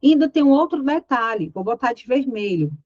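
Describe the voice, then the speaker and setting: A woman's voice: high voice, animated, moderate pace, dry recording, dull audio. Brazilian woman teaching grammar, dry sound. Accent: Brazilian Portuguese. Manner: explanatory, checks in with tags like "tá?"; voices imagined student questions. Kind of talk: online exam-prep lesson.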